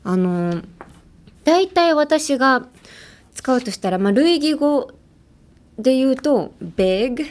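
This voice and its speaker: A woman hosting a casual language-lesson podcast, chatting playfully and repeating words slowly to drill their pronunciation. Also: high-pitched, animated, darkish tone. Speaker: podcast host teaching English.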